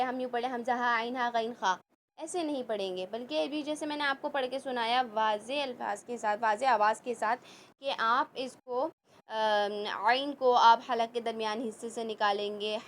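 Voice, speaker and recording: A woman teaching a children's Quran class, explaining and reciting slowly and carefully. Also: high voice, a little hiss or hum. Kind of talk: children's tajweed lesson.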